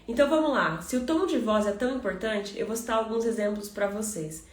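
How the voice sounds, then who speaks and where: A Brazilian woman coaching on communication, talking fast and directly to the listener as a friend. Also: medium pitch, reverberant. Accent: Brazilian Portuguese. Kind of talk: motivational podcast talk.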